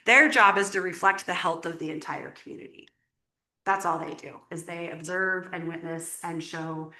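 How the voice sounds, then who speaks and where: A workshop teacher with a lowish, sharp-toned voice chats casually with a small group, using plenty of fillers and laughing frequently. The recording has an echoey room sound.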